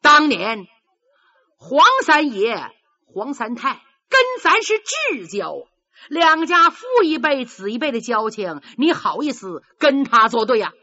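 A hot-tempered old father bellows his scolding in a high, loud, bright voice, as a woman storyteller puts him on. The pitch jumps about sharply. It sounds dull and lo-fi. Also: very animated, a little slow, exaggerated voice. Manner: shouting scolding.

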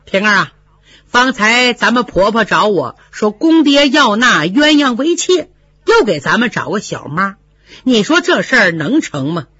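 A storyteller voicing a sharp, clever young noblewoman who runs the household and gives brisk, commanding orders. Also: mid-range voice, big pitch swings, slightly rough, no room sound, full character voice. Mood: scheming. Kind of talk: storytelling with voiced characters. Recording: dry, slightly dull lo-fi recording.

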